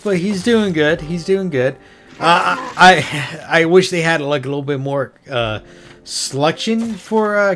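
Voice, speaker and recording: Slow, rambling man commentating a game. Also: medium pitch, fairly bright tone. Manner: rambling, thinking aloud. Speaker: gaming video host. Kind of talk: casual gameplay commentary. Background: music behind the voice.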